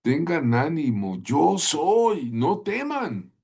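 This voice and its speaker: A man voicing Jesus as a calm teacher who reassures his frightened followers, speaking slowly and gently. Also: a little high, creaky, voice pushed up, heavily acted. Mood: reassuring.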